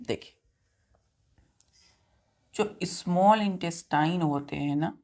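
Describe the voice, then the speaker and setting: An Indian woman teacher giving a science lesson. She dictates slowly, spells words out letter by letter and keeps asking her students questions. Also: fairly low pitch, darkish tone. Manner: quizzes students with repeated questions.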